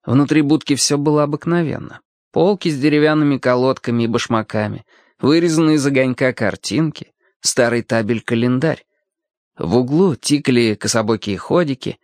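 A man reading a children's story aloud as an audiobook narrator, in a measured, expressive storytelling manner. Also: mid-range voice, dry recording, studio quality. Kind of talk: scripted narration.

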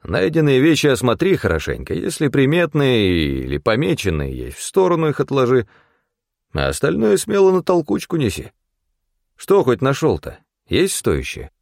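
A man's voice: medium pitch, huge pitch swings, normal speed, gravelly, darkish tone, no echo, studio quality, voice pushed up. A man voicing a wary, bossy old mentor who scolds in blunt, folksy talk. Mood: brisk, practical. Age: older.

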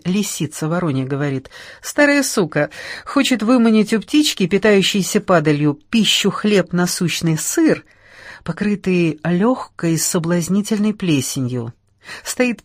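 A woman's voice: lowish voice, dry recording. Woman doing a rambling drunk man, lecturing and sing-song, dry close read. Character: tipsy rambling middle-aged man.

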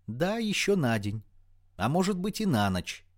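A sharp-tongued young woman snaps back in a lifted voice, as a male narrator plays her. The pitch rises above the reader's own and swings in lively, sarcastic arcs. Audiobook character work. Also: measured pace. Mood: angry. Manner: raised, sarcastic, snappy delivery.

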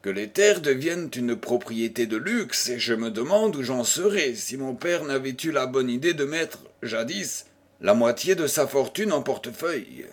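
A man reading a sober, thrifty gentleman. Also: medium pitch, expressive, moderate pace, husky. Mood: matter-of-fact.

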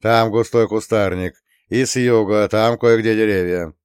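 Terse commanding native scout, voiced by a man, clipped orders, fairly low voice, dry recording. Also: steady tone, normal speed, clean tone, dry recording, lightly acted. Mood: instructive.

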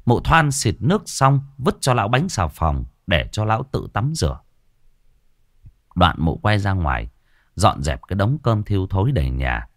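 Male horror narrator, low and lively in delivery, dry close recording. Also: no room sound. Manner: dramatic, expressive storytelling. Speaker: storyteller. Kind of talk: ghost story narration.

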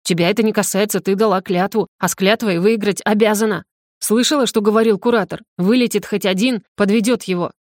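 A woman's voice: mid-range voice, steady tone, fairly quick, darkish tone, dry recording, studio quality, lightly acted. A woman voicing an easygoing young male student.

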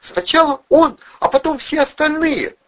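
A man voicing a hysterical blonde woman who shrieks insults in a high falsetto. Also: lively intonation, normal speed, fairly bright tone, highs cut off. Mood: commanding frantic.

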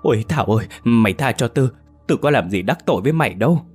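Old woman street vendor in a ghost story, panicky and pleading, read by a deep-voiced man. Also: brisk, soft background music, lightly acted. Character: frightened old woman cake seller.

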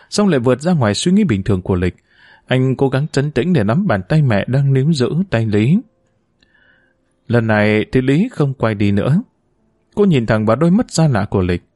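A man narrating a novel in an expressive, steady literary reading. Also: mid-range voice, no room sound, studio quality. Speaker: audiobook narrator. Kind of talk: scripted narration.

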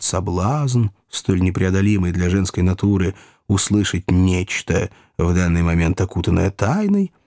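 Animated male audiobook narrator, gravelly. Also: fairly low pitch, no room sound, clean studio sound. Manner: lively, theatrical reading. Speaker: audiobook reader. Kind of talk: expressive scripted narration.

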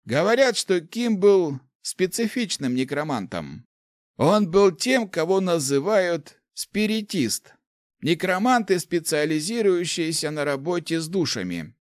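A man's voice: a little high, very animated, a little slow, no echo, clean studio sound, voice pushed up. A man voicing a grumpy, gloomy old male mage who grumbles his lines in an audiobook. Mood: grumbling. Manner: grumbling, growling. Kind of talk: audiobook character voice.

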